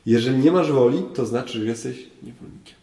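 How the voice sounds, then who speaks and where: A man's voice: medium pitch, brisk, mellow. A man, a priest, teaching a group, often asking his listeners questions and repeating phrases for emphasis. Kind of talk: teaching talk on faith. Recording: roomy echo, voice from far off.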